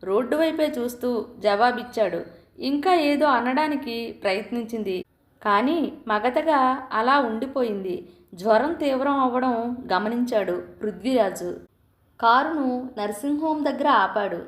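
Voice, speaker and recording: A woman reading a story aloud in a calm, measured scripted narration. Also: fairly high pitch. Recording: roomy echo.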